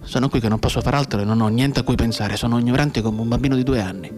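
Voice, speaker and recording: Over soft background music, a male actor at medium pitch delivers a lightly acted radio drama monologue as a maimed young soldier in despair. He speaks in a brooding, halting way, sometimes hushed and sometimes agitated.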